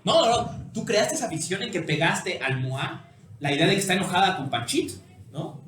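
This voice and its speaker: High-voiced Mexican lecturer. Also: male voice, normal speed. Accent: Mexican Spanish. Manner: animated, ends phrases with tag questions. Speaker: philosophy teacher. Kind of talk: university lecture. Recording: echoey room with faint noise.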